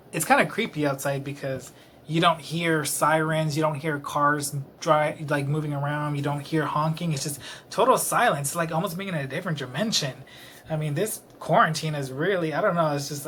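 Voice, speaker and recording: A late-twenties man from Dallas, Texas, vlogs in his own apartment, rambling to camera in a self-deprecating, slightly tipsy way full of fillers. His voice is a little high and a bit bright, captured by a close-up camera mic with a little hiss or hum.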